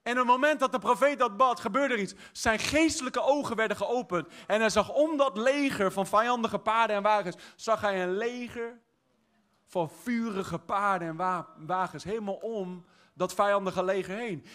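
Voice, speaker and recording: A man preaching a sermon, exuberant, swinging from shouted praise to quiet, chatty storytelling. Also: high-pitched, normal speed. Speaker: pastor.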